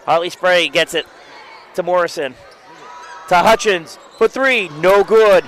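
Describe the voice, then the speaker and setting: A man calling a high school basketball game play by play from courtside, quick calls that jump up on big plays. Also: a bit bright, slight background noise. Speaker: play-by-play announcer. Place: courtside at a gym.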